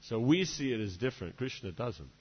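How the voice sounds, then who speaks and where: In a dull, echoing hall, a man gives a discursive devotional lecture, peppering his points with "you know" and "right?" asides. He is a spiritual teacher whose mid-range voice is husky and sing-song, moving a little fast.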